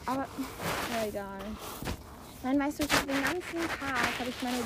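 A woman's voice: sits high, normal speed. A teenage girl chatting casually with a friend in a park and talking to her viewers, breathless and argumentative. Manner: breathless, arguing and addressing viewers. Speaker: vlogger. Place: outdoors in a park. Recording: phone recording with park noise.

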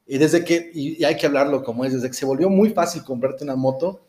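A man's voice: fairly high pitch, a little fast, darkish tone. A Mexican man co-hosting a podcast in casual, slangy conversation. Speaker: podcast co-host. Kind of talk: casual street-slang chat. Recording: roomy, echoing sound.

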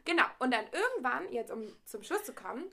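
A woman's voice: high voice, sing-song, brisk, creaky, bright, forceful tone. A young woman in casual podcast chat, animatedly retelling a date and acting out both sides of the dialogue. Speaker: podcast co-host.

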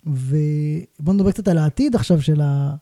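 Dark-voiced male podcast host, reflective. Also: fairly high pitch, dry recording. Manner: reflective, thinks aloud in long winding sentences. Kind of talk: casual interview conversation.

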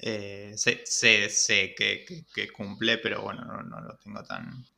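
Brief: hesitant Rioplatense male co-host, low gravelly voice with a bright edge. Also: level tone, slow pace. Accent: Rioplatense Spanish. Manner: hesitant, repeats words, restarts. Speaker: podcast co-host. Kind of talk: casual chat recapping a TV series.

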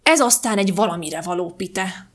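A woman reading aloud and voicing a stout, nosy man who talks slowly and a little lower than her narration. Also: lively intonation, close to an everyday voice. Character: stout pushy man, a nosy office colleague.

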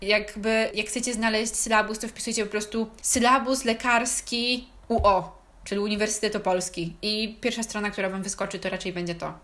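A woman's voice: mid-range voice, fairly even intonation, moderate pace, fairly bright tone. A young woman, a medical student, chatting casually and addressing listeners directly with advice. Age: young adult.

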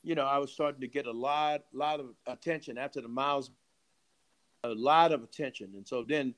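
A man's voice: medium pitch, steady tone, fairly quick, a bit bright. An older man, an author and poet, telling stories in a casual interview, repeating himself and laughing often.

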